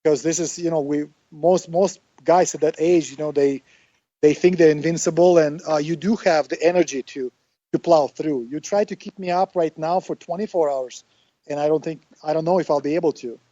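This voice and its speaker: An interview guest from Siberia, a man with a Russian accent, tells stories casually, often hesitating and searching for words. His voice is on the high side and warm, with fairly even intonation and normal speed, free of room sound, though the online call audio is muffled and band-limited.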